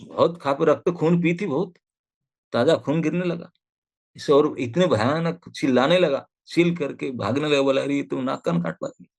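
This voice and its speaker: Gravelly storytelling swami. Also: male voice, fairly high pitch, normal speed. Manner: animated retelling, voicing characters in quotes, mixing English phrases. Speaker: swami giving a scripture talk. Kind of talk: storytelling sermon. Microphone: video call.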